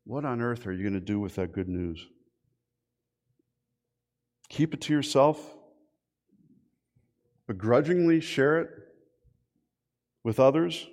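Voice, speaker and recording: A middle-aged man preaching a sermon as a pastor. He tells lively stories and keeps asking his listeners rhetorical questions. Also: mid-range voice, takes it slowly, long pauses. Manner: animated storytelling with rhetorical questions.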